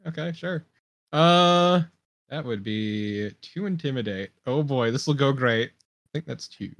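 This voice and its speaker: A man's voice: mid-range voice, animated, measured pace, fairly bright tone. A man playing in a tabletop game, blunt and joking, swearing casually. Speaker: player.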